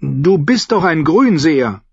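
A man's voice: fairly high pitch, sing-song, a little slow, husky, dry recording, voice pushed up, exaggerated voice. A man voicing a whiny, eager nine-year-old noble boy who pleads in a raised boyish voice. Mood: insistent. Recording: slightly dull dry recording.

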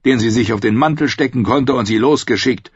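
A man's voice: mid-range voice, brisk, husky, dry recording, voice pushed up, natural voice. A man reading an audiobook, voicing a cynical, mocking one-handed knight in a dry, sardonic way. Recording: dry, slightly dull studio audio.

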